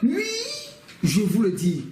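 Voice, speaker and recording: A flirtatious police officer with an Ivorian French accent. He talks very slowly and hesitantly, in a slightly high voice. The sound is distant and very echoey, with faint ambience. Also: wildly swooping pitch, background noise, exaggerated voice. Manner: slow, drawn-out, with hesitant "euh"s. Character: smooth-talking, flirtatious male police officer. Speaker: police adjudant.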